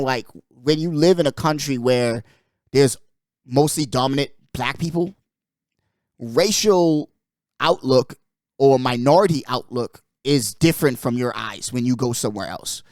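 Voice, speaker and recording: A man's voice: a little high, no echo, studio quality. A young man from the Bahamas hosting his podcast, talking in a rambling, emphatic way and peppering his talk with "bro" and "like". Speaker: podcast host. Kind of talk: casual chat.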